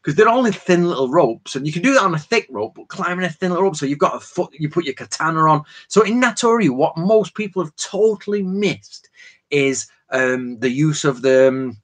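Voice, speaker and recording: A man's voice: on the high side, expressive, fairly quick, slightly rough. Man, forties, hosting a live Q&A; talky, tangent-prone, loose slangy delivery. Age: 40s. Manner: rambling, chatty, jumps between tangents; informal slang and frequent fillers. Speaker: host of a live Q&A stream. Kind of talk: casual live-stream Q&A lecture.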